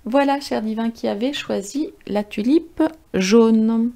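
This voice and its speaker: Female tarot reader with a mellow, gravelly voice; casual, chatty delivery full of fillers. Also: on the high side, slow pace. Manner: chatty and informal, with frequent fillers and self-corrections. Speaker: tarot and oracle card reader. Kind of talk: casual spiritual card reading.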